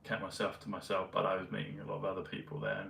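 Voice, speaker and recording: A man vlogging in a meandering, hesitant casual monologue full of pauses and fillers. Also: low-pitched, monotone, gravelly, a bit bright, a little hiss or hum. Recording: roomy, mic at a distance, faint ambience.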